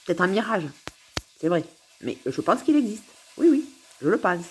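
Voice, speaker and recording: A woman's voice: lowish voice, very animated, moderate pace, noisy background. A woman recording a rambling, philosophical monologue to camera at home, musing, giggling and repeating herself. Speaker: vlogger.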